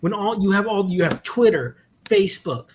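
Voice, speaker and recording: A man chatting casually and giving his opinions, haltingly searching for words as he goes. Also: high voice, lively intonation, a little mellow, slight background noise.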